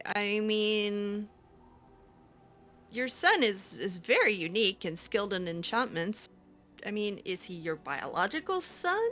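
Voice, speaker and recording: A roleplay gamer and channel host improvises conversational dialogue as she plays through a video game. Her voice is medium-pitched and fairly bright. She's chatty and a little hesitant, reacting with short interjections.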